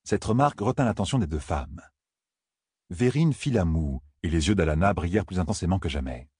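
A man narrating a fantasy novel as an audiobook, in a measured, even storytelling manner. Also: deep voice, slightly rough, dry recording, clean studio sound.

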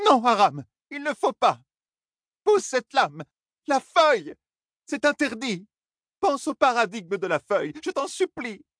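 A man voicing a grieving old grandmother who cries and begs in a shrill, wailing voice. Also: big pitch swings, a little slow, a bit bright, dry recording, studio quality, heavily acted. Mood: pleading. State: crying.

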